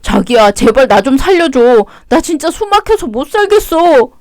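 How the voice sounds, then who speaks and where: A woman's voice: high voice, sing-song, moderate pace, darkish tone. A woman voicing a cheating middle-aged husband who whines and begs desperately. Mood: pleading. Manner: pleading, whiny.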